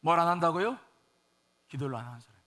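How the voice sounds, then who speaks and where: A male pastor preaching a sermon, questioning the congregation and mixing soft asides with raised exclamations. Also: a little high, animated, racing.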